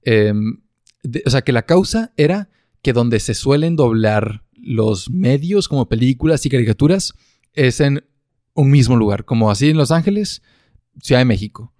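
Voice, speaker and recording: A man's voice: medium pitch, lively intonation, moderate pace, darkish tone, no echo, clean studio sound. A man with a Mexican accent, co-hosting a casual chat and joking with slang. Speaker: co-host.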